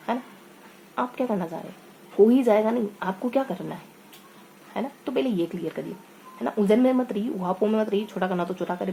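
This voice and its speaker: A woman's voice: medium pitch, warm tone, a little hiss or hum, low-quality recording. A woman teacher giving an online exam-prep lesson, telling motivational stories in a chatty way and often adding tag questions. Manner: conversational, frequent tag questions; motivational storytelling.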